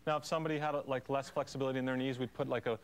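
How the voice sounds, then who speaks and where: A man's voice: mid-range voice, steady tone, racing. A man speaking as a guest yoga instructor, explaining and demonstrating in an informal, earnest, encouraging way.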